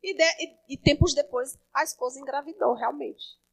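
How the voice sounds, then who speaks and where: A woman pastor, preaching a sermon in a conversational way that moves from soft asides to emphatic calls. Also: high-pitched, moderate pace, low-quality recording.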